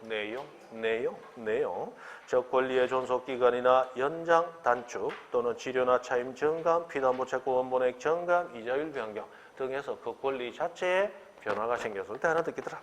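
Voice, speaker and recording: A man's voice: medium pitch, in a large hall. A middle-aged man, giving an exam-prep law lecture and asking the class rhetorical questions. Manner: animated, acts out quoted dialogue, rhetorical questions.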